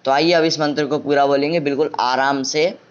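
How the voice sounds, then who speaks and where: A man teaching Vedic chanting, drawing each syllable out slowly and then explaining pronunciation briskly. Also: a little high, steady tone, clean tone, dull audio. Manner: slow drawn-out chanting alternating with quick explanations. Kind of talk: recitation lesson.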